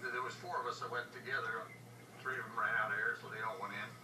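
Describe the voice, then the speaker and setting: A man's voice: medium pitch, steady tone, fast, roomy sound, distant mic, noisy background. An older man telling of his own experience in a conversational documentary interview. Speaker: shark attack survivor. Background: loud background music.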